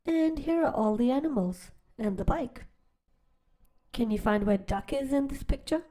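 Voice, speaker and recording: A woman hosting a storytime channel reads a picture book aloud, pausing for gentle, teacher-like questions to young listeners. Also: a little high, expressive. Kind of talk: children's read-aloud storytelling.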